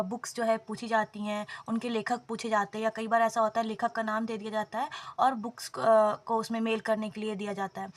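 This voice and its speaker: A woman explaining memory tricks in a casual, conversational lesson, often pausing with fillers and checking in with "theek hai". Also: fairly high pitch, a bit bright. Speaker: exam-prep tutor.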